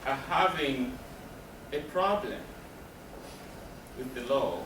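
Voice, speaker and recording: A counselor addresses a live audience in a medium-pitched, expressive voice, taking a slow pace. His explanations come in short, emphatic bursts, and he answers his own questions. The sound is roomy and distant, with noticeable noise in the background.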